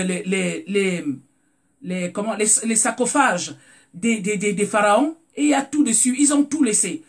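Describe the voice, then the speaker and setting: Cameroonian French accent, live talk host, husky voice, hesitant, repeats words, greets viewers. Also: mid-range voice. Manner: halting, repeats words while searching for them. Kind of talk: casual talk to a live audience.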